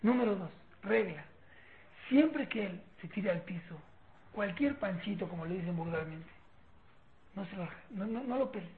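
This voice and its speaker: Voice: mid-range voice, normal speed. A teacher with a Mexican accent giving a religious parenting lecture, acting out family scenes with mocking rhetorical questions. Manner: lively, acts out family scenes with mock questions. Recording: tinny phone-like line with faint noise.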